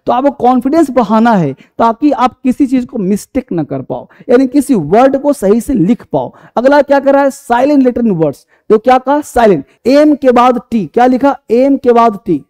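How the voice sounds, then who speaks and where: Very high-pitched and animated, this male English teacher talks at a moderate pace with a darkish tone and hardly pauses. He quizzes his class, answers his own questions, repeats each point, and uses affectionate terms for his students.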